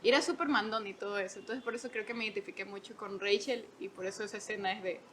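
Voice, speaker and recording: A woman in her twenties, a podcast guest, telling stories in an animated way, laughing often and acting out quotes. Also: mid-range voice, very fast, slight background noise. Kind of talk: casual storytelling.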